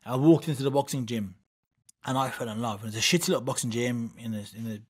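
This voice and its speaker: A middle-aged man, a guest on an interview, telling lively anecdotes from his youth in a casual way. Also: medium pitch, quick pace, husky. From United Kingdom. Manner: vivid, animated anecdote-telling with laughs. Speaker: guest, former Olympic boxer.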